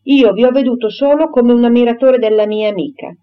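A woman voicing a proper young gentlewoman who firmly and formally rejects a suitor, on a dull lo-fi recording. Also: on the high side, a little fast, pitched above the performer's own voice, close to an everyday voice. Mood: indignant firm. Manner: firm, crisp and formal.

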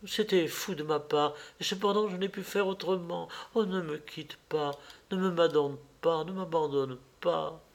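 A man voicing a heartbroken young actress who pleads with her lover in a soft, tearful voice, in a read-aloud novel. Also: a little high, moderate pace, creaky, voice pushed up. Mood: tearful pleading.

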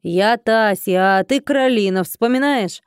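A woman voicing a middle-aged innkeeper woman who is weepy and pitying, speaking slower and lower in an audiobook reading. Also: clear, resonant tone, dry recording, studio quality, close to an everyday voice. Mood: puzzled.

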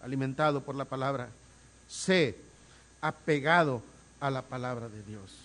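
A man preaching a sermon as pastor, swinging from quiet asides to loud, emphatic calls and repeating words for emphasis. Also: medium pitch, unhurried.

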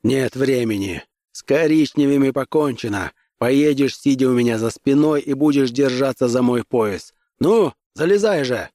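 A male audiobook reader voicing a gruff, hardened barbarian warrior who barks curt commands. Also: on the low side, moderate pace, dark tone, no room sound, studio quality, natural voice. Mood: urgent. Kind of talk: audiobook character voice.

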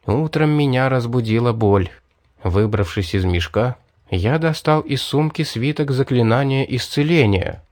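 A man narrating an audiobook in first person, telling the story in a lively, cheerful way. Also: mid-range voice, unhurried, dry recording, clean studio sound.

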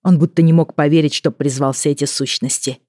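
A woman narrates a fantasy audiobook in the first person, reading with expression at a middle pitch. The recording is dry and close, with no room sound. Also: fairly even intonation, brisk, a little mellow, no echo.

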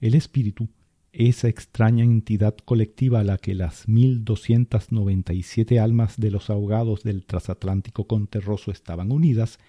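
A man giving scripted narration of a story podcast in a measured way. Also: fairly low pitch, steady tone, dark tone, dry recording.

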